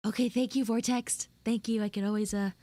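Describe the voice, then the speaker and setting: A woman VTuber hosts a livestream, chatting with viewers in live roleplay and telling stories in a casual, expressive, exclamatory way. Her voice is on the high side, warm, steady in tone and fairly quick, with no echo.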